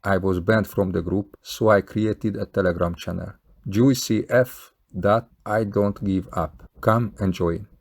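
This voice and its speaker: Male video maker, Hungarian accent, lowish gravelly voice, earnest and plain-spoken direct appeal. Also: steady tone, a little slow. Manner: earnest, plain-spoken, non-native phrasing. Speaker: video maker appealing to fellow scam victims. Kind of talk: scripted appeal to camera.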